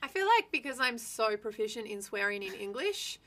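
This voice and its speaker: A woman's voice: a little high, big pitch swings, brisk, sharp tone. A woman with a broad Australian accent chatting casually and frankly in a group. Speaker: conversation participant.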